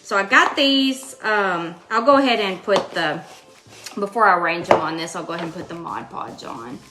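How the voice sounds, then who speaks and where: Loud music plays while the Western Kentucky craft host talks, her voice on the low side with lively intonation and a normal speed. Sitting at a home craft table indoors, she keeps her live tutorial casual and folksy in her Southern accent.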